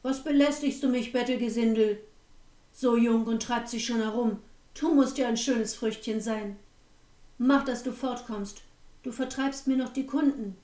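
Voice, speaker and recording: A woman's voice: on the high side, a little fast, few pauses, echoey room, distant mic, close to an everyday voice, rough recording. A woman doing a harsh, scornful innkeeper man. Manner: shouting, mocking. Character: harsh scornful male innkeeper, loud and contemptuous.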